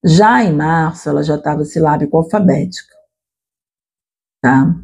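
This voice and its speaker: A woman teacher walks her listeners through an explanation, often stopping to check they follow. Her voice is mellow and soft, with a slight husky edge. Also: low voice, measured pace. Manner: explanatory, addresses listeners directly with frequent "tá?" and "né?". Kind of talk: explanatory lecture.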